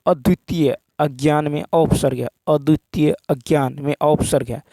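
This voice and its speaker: A man teaching an exam practice lesson, reading out questions and answers and repeating each key point slowly. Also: fairly high pitch, steady tone, warm tone, no echo.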